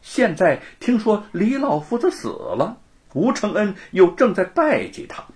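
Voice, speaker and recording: A man narrating a story in a measured, scripted telling. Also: high-pitched, big pitch swings, darkish tone. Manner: slow, measured delivery.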